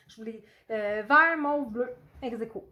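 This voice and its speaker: A woman talks to her viewers in a casual, halting way, stopping often to gather her thoughts. Her voice sits a little higher than most women's. She is quick to apologize and to make fun of herself. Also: dull audio. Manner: hesitant, pauses often with fillers; self-deprecating and apologetic. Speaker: coloring channel host. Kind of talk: casual chat answering a video tag.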